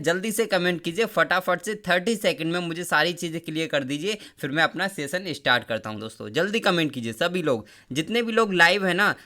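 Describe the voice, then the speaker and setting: A man's voice: high voice, sharp tone. A young man teaching an exam-prep lesson on a live stream, quizzing viewers and urging them again and again to comment their answers. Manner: coaxing, repeats phrases, keeps urging viewers to comment.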